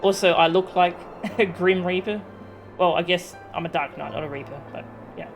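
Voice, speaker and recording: A woman speaks at a moderate pace in a fairly low voice while chatting casually with viewers on her game stream. The video game's music plays behind her.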